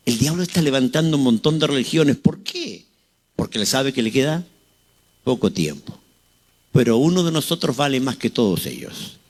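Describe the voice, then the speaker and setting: A man's voice: mid-range voice, very animated, normal speed. A man in his sixties with a Chilean accent preaching a fervent sermon, asking the congregation rhetorical questions. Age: 60s. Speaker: pastor.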